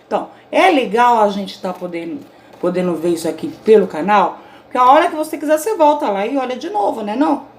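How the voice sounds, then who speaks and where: A woman's voice: a little high, animated, fast. Woman teacher explaining a grammar lesson. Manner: explaining patiently, often checking in with students. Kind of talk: recorded online grammar lesson. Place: indoors, self-recorded at home.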